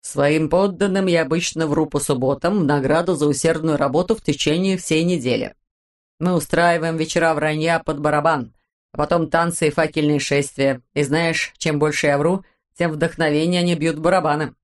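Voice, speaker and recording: A woman voicing a big, jolly sea captain and island king in an audiobook, speaking slower and a bit lower, fond and fatherly. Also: steady tone, lightly acted. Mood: boastful. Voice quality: lowered, slow and drawn out.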